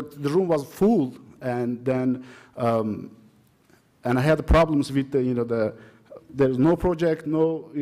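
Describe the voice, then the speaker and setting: Mellow-voiced Kurdish-accented man presenting. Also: mid-range voice. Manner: halting, non-native English phrasing. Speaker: academic conference presenter. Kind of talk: informal conference presentation with personal anecdotes.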